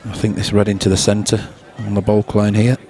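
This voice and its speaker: A man's voice: on the low side, flat delivery, moderate pace, dark tone, faint music behind, a faint crowd. Chuckling snooker commentator, man. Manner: laughs easily, chatty. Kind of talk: relaxed live sports commentary.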